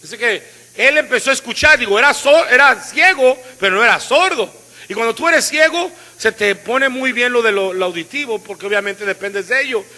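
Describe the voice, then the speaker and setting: A pastor preaching a sermon in a casual, colloquial way, often asking the congregation questions. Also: male voice, very high voice, moderate pace, sharp tone, long reverb tail. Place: church.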